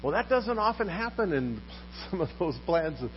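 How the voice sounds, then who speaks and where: A man preaching a sermon as pastor, putting questions to his congregation in a lively manner. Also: sits high, moderate pace. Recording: dull recording with faint mains hum.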